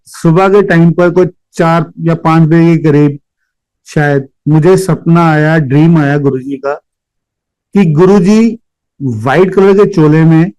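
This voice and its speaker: A man's voice: on the high side, a little mellow, no room sound, dull audio. Earnest middle-aged man telling devotional story. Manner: earnest, repeatedly addresses listeners respectfully; mixes English words into his speech. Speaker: devotee sharing a personal story. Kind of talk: devotional testimony, casual storytelling.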